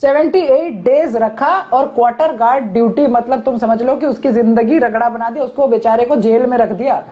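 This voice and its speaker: A man with a high voice hosts a casual chat. He tells an anecdote with energy and acts out each quote. The sound is dull and lo-fi. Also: moderate pace, hardly any pauses. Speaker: host.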